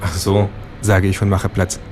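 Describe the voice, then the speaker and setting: Low-voiced man in dry narration. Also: completely flat delivery, moderate pace, a little mellow, slight background noise. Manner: dry, long-suffering first-person narration. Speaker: narrator and author. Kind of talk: scripted comic narration.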